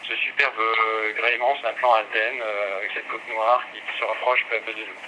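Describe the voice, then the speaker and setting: A man's voice: on the low side, flat delivery, fairly quick. Man on a noisy satellite phone line. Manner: hesitant, many fillers and restarts. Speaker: sailing skipper calling in from sea. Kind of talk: live phone report to a radio studio.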